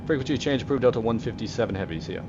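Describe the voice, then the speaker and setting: A man talking into a pilot headset mic in the cockpit, firing off radio calls and quick asides at a fast clip. His delivery is brisk and dry, with jokes and casual swearing. The sound is slightly muffled, with a steady engine rumble clearly heard behind him. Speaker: flight simulator streamer playing airline pilot.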